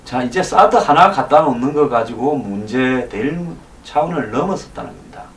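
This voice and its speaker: A man's voice: mid-range voice, lively intonation, moderate pace. A man giving emphatic political commentary in short phrases, his diction slightly slurred by lingering dental anesthesia. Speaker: commentator hosting a security talk. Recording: echoey room, distant mic, faint noise.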